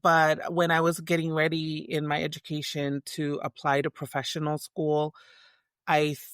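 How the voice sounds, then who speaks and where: A woman's voice: low-pitched, monotone, normal speed, clean tone, no echo, studio quality. A middle-aged woman from Tonga, a guest in a casual interview, talking reflectively with many restarts and fillers.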